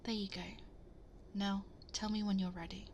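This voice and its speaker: A woman playing a gentle, motherly, ageless cosmic princess in an ASMR bedtime roleplay, speaking tenderly and reassuringly, often in a breathy half-whisper, close to the microphone. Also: mid-range voice, little pitch movement, normal speed, slight background noise, lightly acted. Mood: soothing, reassuring. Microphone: close binaural 3Dio microphone.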